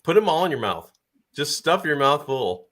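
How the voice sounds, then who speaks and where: A man's voice: fairly high pitch, big pitch swings, moderate pace, a bit bright. A man hosting a casual livestream chat, talking easily and laughing often. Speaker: livestream host.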